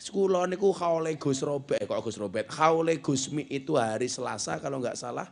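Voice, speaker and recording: A man's voice: on the high side, expressive, brisk, creaky. A man preaching a humorous sermon, mixing in jokes and acting out the people in his stories. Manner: joking, mixes Javanese with Indonesian, acts out the people in his stories. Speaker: Islamic preacher. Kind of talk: humorous sermon at a religious gathering.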